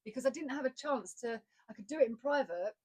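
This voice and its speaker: A woman's voice: high voice, fast talker, breathy edge. A woman with an Essex accent, an actor co-hosting a casual chat, who tells stories with lots of laughter. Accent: Essex English. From Essex, England. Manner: chatty, laughs often, animated storytelling. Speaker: podcast co-host, actor.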